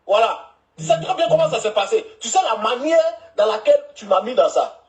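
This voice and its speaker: A woman's voice: fairly high pitch, sing-song, fairly quick, darkish tone, voice pushed down. A woman voicing an annoyed man who keeps scolding his partner over money, in a comic dub. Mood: aggrieved. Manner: repetitive, insistent complaining. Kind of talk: comic voice dubbing.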